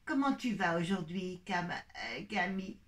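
Lady doing a soothing mom-like doll, kids puppet show, slow and gentle. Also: on the low side, far from the mic, pitched below the performer's own voice. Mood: motherly. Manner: calm, soothing motherly tone, gently correcting. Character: motherly doll caring for two bears.

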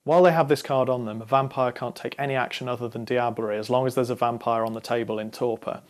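A young man in his twenties presenting a scripted explainer on card game strategy, talking straight to camera in a measured, instructive way. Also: medium pitch, fairly even intonation. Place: studio against a dark backdrop.

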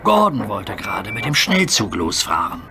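Animated male storyteller over music. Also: fairly low pitch, normal speed. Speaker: narrator. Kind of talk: scripted children's story narration.

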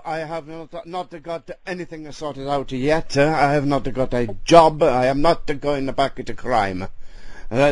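A man's voice: mid-range voice, no room sound, close to an everyday voice. A man voicing a hesitant Italian ex-convict who speaks broken English with an Italian accent and many fillers. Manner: halting, full of uh fillers, broken grammar. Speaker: prank caller. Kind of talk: prank phone call in character.

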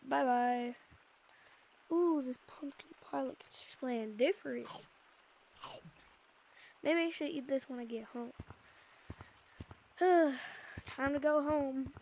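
A woman with a high, somewhat dark voice plays a VR game, chatting playfully to herself and sighing as she roleplays a shopping trip. Her VR headset mic gives a low-quality recording.

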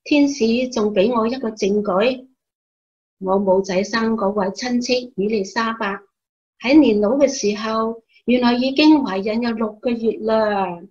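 Calm, devout biblical mother, played by a woman, Hong Kong Cantonese accent, unhurried storytelling for radio drama, slightly dull lo-fi sound. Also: a little high, natural voice. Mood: solemn, trusting. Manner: measured, expressive storytelling. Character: calm, devout mother telling of her youth.

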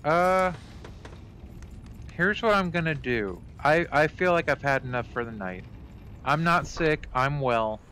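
A man's voice: on the high side, lively intonation, measured pace, pauses often, bright, forceful tone, a little hiss or hum. Rambling male streamer thinking aloud. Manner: rambling, thinks aloud and corrects himself mid-sentence; swears casually, talks to viewers. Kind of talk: casual let's play commentary.

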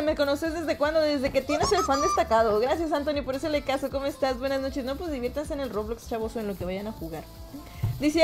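A young woman with a Mexican Spanish accent, chatting casually on a live stream and greeting her viewers by name. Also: high voice.

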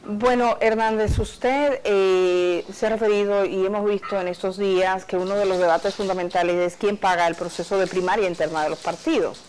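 A woman's voice: medium pitch, steady tone, moderate pace, hardly any pauses, a little mellow, a little hiss or hum, rough recording. A woman hosting a TV studio interview, asking probing questions in a conversational way, recorded on a lapel mic. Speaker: TV host. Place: TV studio set.

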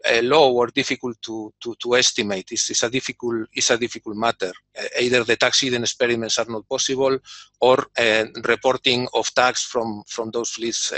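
A man gives a scripted conference keynote by video call on behalf of his industry, speaking at medium pitch with a sharp tone. There's no room sound, and fillers and repeated words crop up often.

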